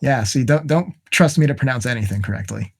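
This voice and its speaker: A man's voice: mid-range voice, a little fast, gravelly, slightly rough. A man hosting a podcast in loose, casual chat with a mid-range voice. He jokes and laughs easily as he talks, keeping things light. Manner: joking, laughs often. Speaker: podcast host. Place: home in Massachusetts.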